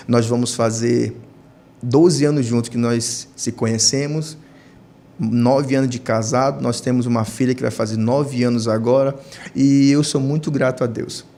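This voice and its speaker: A man in his thirties with a Brazilian Portuguese accent, a deacon telling his personal testimony on a church podcast, climbing high in pitch when he acts out his own past words. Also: gravelly. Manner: storytelling, rising to high, animated pitch when quoting himself.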